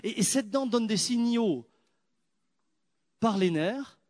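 Animated, high-voiced man preaching a sermon. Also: slow pace. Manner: animated storytelling, swinging from loud exclamations to hushed prayer.

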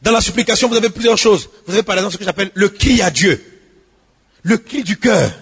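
Male pastor, high and husky, preaching with big swings from hushed pleas to shouts, reverberant hall. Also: expressive, quick pace. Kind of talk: sermon.

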